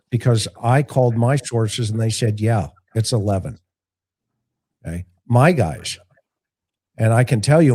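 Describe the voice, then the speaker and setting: A man's voice: medium pitch, mellow. A man hosting a live call-in show, giving casual, opinionated commentary in a blunt, folksy way with rhetorical asides. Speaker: talk show host and investigator.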